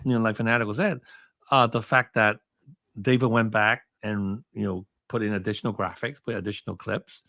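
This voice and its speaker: This Hong Kong film commentator, interviewed as a guest, has a lowish, sharp voice with vocal fry, a steady tone, and a slightly fast pace. He tells a story casually, rambling with frequent fillers and restarts, in a dry recording.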